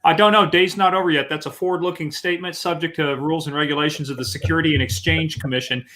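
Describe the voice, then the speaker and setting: A man's voice: fairly high pitch, steady tone, fast. Joking man on a video call. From Kansas, USA. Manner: joking, self-deprecating, talks forcefully. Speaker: guest expert. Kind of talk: casual chat on a live webinar.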